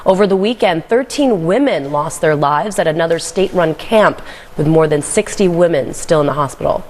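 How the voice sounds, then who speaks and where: A young adult woman anchoring a morning news show, chatty in banter and crisp when reading stories. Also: low-pitched, animated, normal speed, darkish tone. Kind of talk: morning news chat and newsreading.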